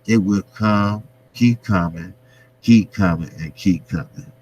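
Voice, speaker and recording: This time the boxing vlogger's voice comes across low-pitched, husky and a little mellow, again on a rough recording. Hosting for his live audience, he talks casually in slang, swears now and then, and leans on repetitive, emphatic phrasing with trailing pauses.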